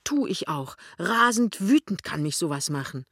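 A man's voice: high-pitched, very animated, moderate pace, gravelly, fairly bright tone, no room sound, studio quality, heavily acted. A man voicing an anxious, hesitant young salesman husband in an audiobook reading. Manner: hesitant, grumbling.

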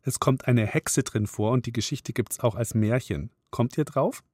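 A man's voice: mid-range voice, moderate pace, darkish tone. Friendly male children's radio host. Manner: friendly, addressing children directly. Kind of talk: children's radio quiz show.

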